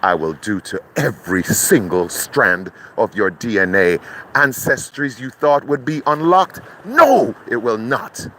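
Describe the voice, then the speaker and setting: A man delivering a threatening curse monologue, speaking slowly and breaking into chanted incantations. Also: mid-range voice, lively intonation, a bit bright, a little hiss or hum. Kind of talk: menacing spoken curse monologue.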